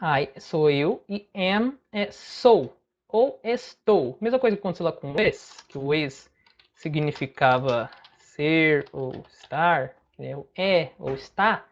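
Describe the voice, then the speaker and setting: A woman's voice: low voice, expressive, slow, lo-fi sound. A woman with a Brazilian Portuguese accent teaching an English lesson, patiently breaking phrases down word by word. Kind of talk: online language lesson.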